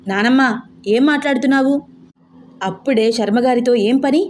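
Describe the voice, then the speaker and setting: A woman's voice: high-pitched, normal speed, darkish tone, a little hiss or hum, close to an everyday voice. A woman voicing a flustered young man who protests urgently. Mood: protesting.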